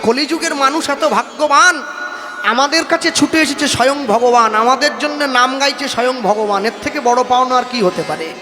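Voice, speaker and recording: A man preaching a devotional sermon in an impassioned, sing-song manner, breaking into chanted verses. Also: very high voice. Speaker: kirtan preacher. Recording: echoey hall, faint music behind.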